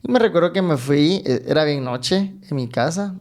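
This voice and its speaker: A man's voice: fairly high pitch, animated, moderate pace, a little mellow. A man co-hosting a casual faith podcast, telling a personal story with frequent laughter and local slang. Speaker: podcast co-host.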